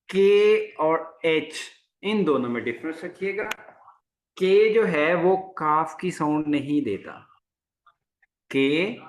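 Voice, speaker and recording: A man teaching a class, patiently repeating each sound several times. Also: fairly high pitch. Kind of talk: lecture to a class.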